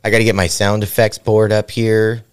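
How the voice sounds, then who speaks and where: A man's voice: lowish voice, little pitch movement, moderate pace, smooth. A man casually chatting, then hosting a mock game show on a podcast, loose and joking, swearing freely. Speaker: host.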